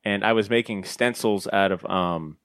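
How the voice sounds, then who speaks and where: A man's voice: fairly low pitch, moderate pace, a bit bright, smooth, no room sound, studio quality. A man hosting a podcast, chatting casually and telling a meandering, informal story that he often interrupts himself. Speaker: podcast host. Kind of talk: casual chat, telling anecdotes.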